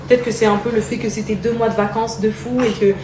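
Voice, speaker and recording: A young woman vlogging casually at home. She talks in a chatty, rambling way and gently coaxes her child. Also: fairly high pitch, steady tone, fast. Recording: echoey room, distant mic, noisy.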